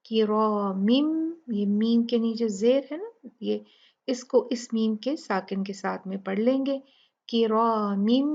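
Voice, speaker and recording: A woman with an Urdu accent teaches tajweed in an unhurried, gravelly voice. She explains each rule patiently, then draws out the recited words slowly. The audio is a little dull and lo-fi. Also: medium pitch. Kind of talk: Quran recitation lesson.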